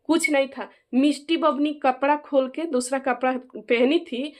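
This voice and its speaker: The bride's mother, a middle-aged vlogger whose eastern Hindi accent comes from Jharkhand, argues heatedly in a family vlog and pushes others to take her side. Her high voice is a little mellow, unhurried, and fairly even in intonation.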